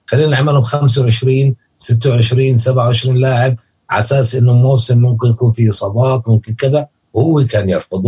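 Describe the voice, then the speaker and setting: A man with a Levantine Arabic accent giving casual football analysis as a podcast guest, halting and correcting himself, in a husky, rough-edged voice. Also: medium pitch, dark tone.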